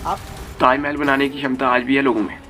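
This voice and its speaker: A man's voice: medium pitch, flat delivery, fast talker, fairly bright tone, soft background music. Heated, foul-mouthed young man ranting. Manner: heated and crude, swears freely. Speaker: YouTube commentator. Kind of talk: ranting commentary.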